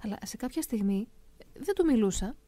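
A middle-aged woman calmly and earnestly telling a first-person story aloud. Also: fairly high pitch, no room sound. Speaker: narrator of a personal testimony.

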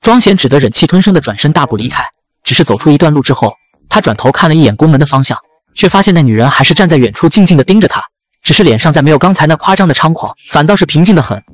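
A man narrating a dramatic fantasy audiobook in a brisk storytelling manner. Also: on the high side, expressive.

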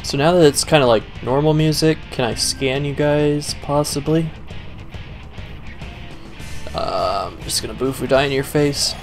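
A man's voice: on the high side, measured pace, long pauses. A young man giving casual gameplay commentary in a sarcastic, profane, muttering way, close to a desk mic. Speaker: let's play gamer. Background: faint game music.

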